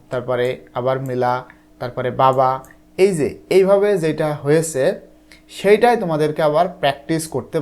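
A teacher from Bangladesh explaining textbook answers to students, reading English lines slowly, then translating them and often checking that they follow. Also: mid-range voice, a little mellow. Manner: patient, repeats "ঠিক আছে?" to check understanding.

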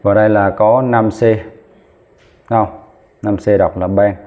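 Low-voiced male chemistry teacher, tinny audio. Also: steady tone, a little slow. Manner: talks while writing, counts aloud, corrects himself mid-step. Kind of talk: lesson at a whiteboard.

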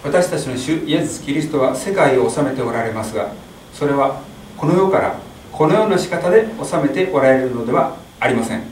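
A middle-aged man reading a translation of a sermon aloud in a small chapel, steady with small slips. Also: mid-range voice, fairly quick, slight background noise. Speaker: interpreter at a Mass. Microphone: stand mic. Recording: echoey chapel, distant mic.

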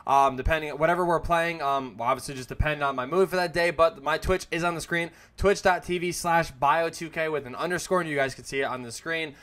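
Bright-voiced young man giving a casual game tutorial. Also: on the high side, fairly even intonation, brisk, hardly any pauses. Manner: casual and chatty, with many fillers and self-corrections. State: has the hiccups. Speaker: gaming YouTuber. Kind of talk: casual gameplay tutorial commentary.

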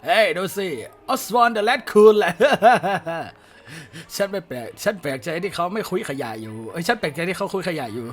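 A man playing a horror game and commentating to his viewers, jumpy and excitable, often yelling in surprise. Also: high-pitched, normal speed. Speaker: game streamer. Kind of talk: let's play commentary.

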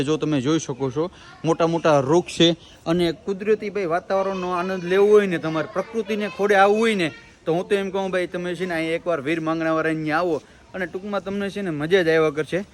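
A man's voice: high voice, a little hiss or hum. A man, hosting a casual family vlog outdoors, chatty and joking as he talks to the viewers as family. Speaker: vlogger host. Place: outdoors at a temple and village homes.

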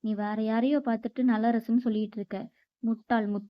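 A woman's voice: fairly high pitch, level tone, a little fast, no room sound, highs cut off, pitched below the performer's own voice, natural voice. A woman voicing a stern old male village elder who presides over a dispute and scolds the people around him. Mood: indignant. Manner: commanding, scolding.

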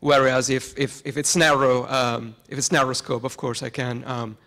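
A young man in the audience asks a long, careful question in a lecture hall. He hesitates often, filling gaps with ums. His voice is at a middle pitch, held close to a handheld mic. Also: level tone, bright, forceful tone. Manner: halting, many ums. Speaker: audience member asking a question. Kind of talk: academic question.

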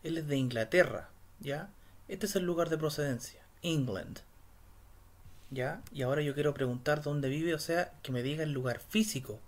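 A man teaching English in a recorded slide lesson, explaining step by step and reading the English phrases slowly and carefully. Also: on the high side. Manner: patient, explains step by step, checks in with "¿ya?" and "¿cierto?". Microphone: voice-over. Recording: loud background music.

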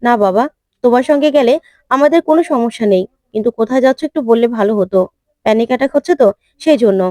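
A woman's voice: fairly high pitch, very fast, dark tone, dry recording, lightly acted. A woman voicing a mother who soothes and apologises, and scolds her own mother. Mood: apologetic.

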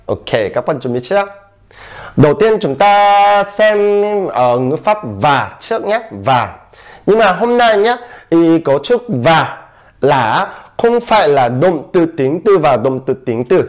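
Lively Korean-accented male language teacher. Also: fairly high pitch, takes it slowly. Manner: lively, repeats phrases for learners to copy, many fillers. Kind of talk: casual online language lesson.

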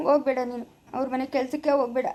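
A woman with a Chikkaballapura Kannada accent playing a poor, gentle village father, soothing and resigned, in a family drama. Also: sits high, steady tone, racing, close to an everyday voice. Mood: consoling. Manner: soothing, pleading, fatalistic.

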